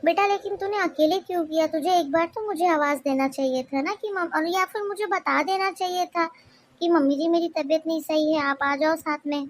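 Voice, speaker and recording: A fussing, well-meaning mother-in-law from an animated family story. Her voice sits high and she pleads and scolds in a plaintive tone. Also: normal speed. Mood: pleading. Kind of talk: cartoon story voice acting.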